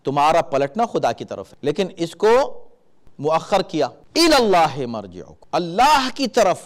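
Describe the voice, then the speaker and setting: High-voiced man giving animated Quran commentary. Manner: animated, acts out warning shouts in examples. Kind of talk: sermon-style Quran commentary.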